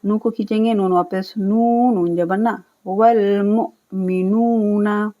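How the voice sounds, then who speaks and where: Woman, recitation teacher; measured, unhurried delivery, spells sounds then chants words long, patient explainer. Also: medium pitch, fairly even intonation, dark tone. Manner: spells out letters and vowels, then chants words drawn out slowly; explains rules patiently, often checks with a quick "okay". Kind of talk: step-by-step recitation lesson.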